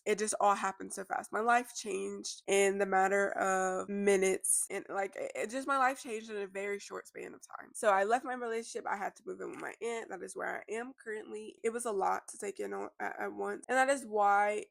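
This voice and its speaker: A woman's voice: medium pitch, moderate pace, creaky, hardly any pauses, dry recording, studio quality. A woman talking candidly in a sit-down vlog, reflective and rambling, sounding congested with slightly slurred words, recorded indoors at home. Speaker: vlogger. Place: indoors at a relative's house.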